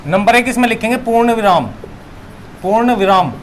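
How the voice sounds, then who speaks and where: A man's voice: very high voice, normal speed, a little hiss or hum. A young man teaching a classroom lesson, repeating key words and asking questions he then answers himself.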